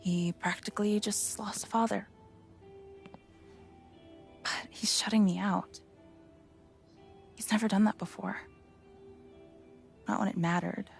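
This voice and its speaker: Game role: worried, grieving mother, middle-aged, subdued, gravelly edge, music underneath. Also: medium pitch, fairly even intonation, takes it slowly, pauses often. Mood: weary, worried. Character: weary grieving divorced mother, worried about her child. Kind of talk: video game dialogue.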